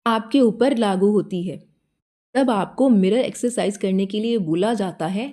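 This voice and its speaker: A woman with a mellow, soft-edged voice gives a spiritual talk straight to her listener. She explains step by step, poses questions, and keeps checking in to make sure she is followed. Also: medium pitch. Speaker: spiritual guidance channel host.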